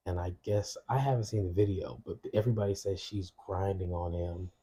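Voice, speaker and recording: Deep, dark, husky-voiced man. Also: fairly even intonation, fairly quick. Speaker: podcast co-host. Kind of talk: casual chat. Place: home, at night. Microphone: podcast mics.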